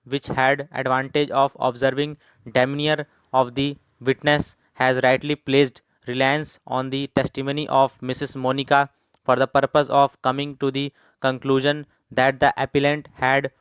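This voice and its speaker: Indian guy dictating legal stuff for shorthand practice, steady phrases, clean smooth voice, really dry close sound. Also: mid-range voice, no echo. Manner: dictating in deliberate, evenly timed phrases. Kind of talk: dictating formal legal text at a steady measured speed.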